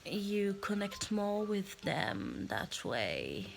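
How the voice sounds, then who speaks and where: A young woman speaks very slowly, in a relaxed, casual reading-vlog way. Her voice has a gravelly, creaky edge, and she often pauses to think aloud. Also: medium pitch, slight background noise. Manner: slow, unhurried, thinking aloud. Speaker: book vlogger. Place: in her bed at home.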